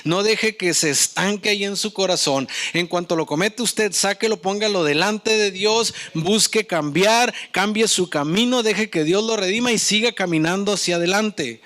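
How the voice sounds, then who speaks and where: A man's voice: sits high, normal speed, hardly any pauses, a bit bright. A man preaching a sermon as pastor, speaking in with an earnest tone and often turning questions to his listeners. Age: adult with young children.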